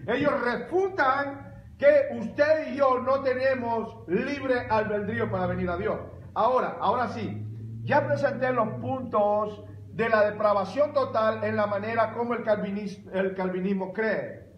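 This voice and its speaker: A man with a high voice preaches a sermon in a church sanctuary, his words ringing around a roomy, echoey space. He delivers it with animated emphasis and bursts into loud exclamations. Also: a little slow, dull audio, slight background noise. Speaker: pastor.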